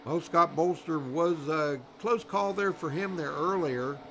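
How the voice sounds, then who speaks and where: A man's voice: fairly high pitch, unhurried, pushed and bright, slight background noise. A man doing live race commentary in a rambling, folksy way, full of fillers. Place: commentary booth at a racetrack.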